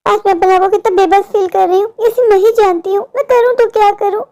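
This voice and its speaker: A woman's voice: very high voice, fairly even intonation, fast talker, mellow. A woman voicing a poor young woman in a cartoon, a worried older sister who pleads in a worn-down, sorrowful way. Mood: despairing. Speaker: cartoon character. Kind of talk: Hindi cartoon voice acting.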